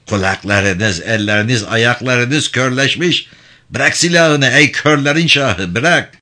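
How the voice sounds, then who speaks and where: An old sage, stubborn and lofty, voiced by a male narrator who lifts his pitch a little for him, declaiming slowly and loudly against the gun in a storybook reading. His lines swing widely in pitch and ring brightly. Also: lively intonation. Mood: preaching, defiant. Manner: proclaiming, slow and lofty.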